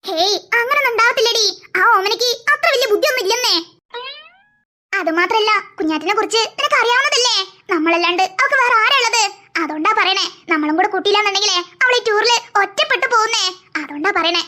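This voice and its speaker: A woman voicing a kind, soft-hearted schoolgirl in a cartoon who coaxes her friend gently. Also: fast talker. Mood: coaxing. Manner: soft and coaxing, lower than the others. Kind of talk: cartoon voice acting.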